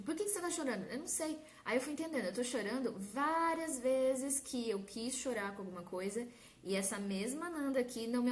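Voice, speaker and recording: A young Brazilian woman talks to her audience in an informal, lively way. Her voice sits at an everyday middle pitch for a woman. Now and then she mimics a scolding inner voice, then drops back to her own easy speech. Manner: informal, animated, acts out her inner critic. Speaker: course host. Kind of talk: casual live talk to an audience.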